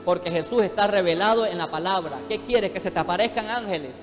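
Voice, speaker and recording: A man's voice: high voice, quick pace. A man preaching a fervent sermon as pastor in a church, calling out to the congregation. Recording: long hall reverb, faint music behind.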